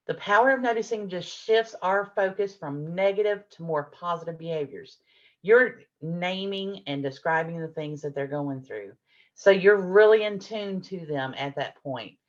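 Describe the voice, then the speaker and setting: Acting out both adult and child lines, a middle-aged woman warmly explains parenting ideas with patient examples in a workshop. Her voice sits on the low side, and the recording has its highs cut off.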